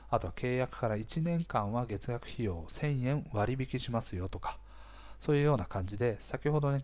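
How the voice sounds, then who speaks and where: Slightly hoarse man hosting an explainer talk. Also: fairly low pitch. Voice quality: hoarse, gravelly-sounding voice. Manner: conversational, explanatory, frequent soft interjections to the listener. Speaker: podcast host. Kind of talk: casual explainer talk to listeners.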